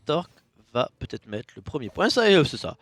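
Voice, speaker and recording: Man, game commentator, casual and jokey, lively swings in pitch, sudden excited outbursts. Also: brisk, dry recording. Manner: excitable, jokey, bursts of loud enthusiasm.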